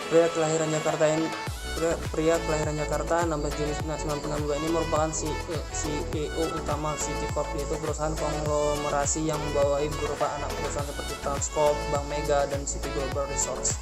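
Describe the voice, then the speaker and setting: A young adult university student from Indonesia reads his prepared presentation aloud haltingly, stumbling over and repeating words. His voice is a little high and monotone, and music plays behind it.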